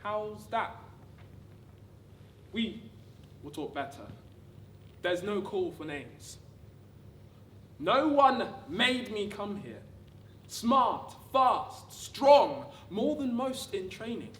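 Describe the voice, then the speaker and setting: A woman giving a rehearsed dramatic reading of wartime letters, measured, with deliberate pauses. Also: mid-range voice, big pitch swings. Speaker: actor reading a monologue. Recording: distant, echoey room with background noise.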